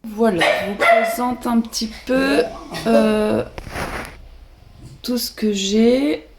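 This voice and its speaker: A woman vlogger chatting casually about her latest books, hesitant with many pauses and fillers. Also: on the high side, very noisy. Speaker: book vlogger. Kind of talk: casual chat showing books.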